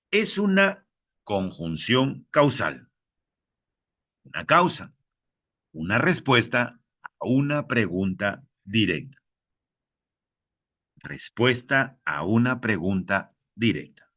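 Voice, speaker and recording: A man's voice: lowish voice, sing-song, slow, pauses often, a bit bright. A man with a Peruvian Spanish accent teaching a lesson, addressing fellow teachers and repeating each key point.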